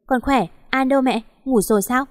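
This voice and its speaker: Woman voicing a desperate young husband, urgent and pleading, raised pitch, storybook read. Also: moderate pace, a little mellow, no room sound, clean studio sound, in a large hall, close to an everyday voice. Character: desperate young man searching for his wife.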